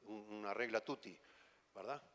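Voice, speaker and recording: A man with an Argentine accent delivers a conference sermon in a low voice. He talks in a conversational, teasing way, firing off rhetorical questions. His voice trails off into a long hall reverb. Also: normal speed, a bit bright. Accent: Argentine Spanish. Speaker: preacher.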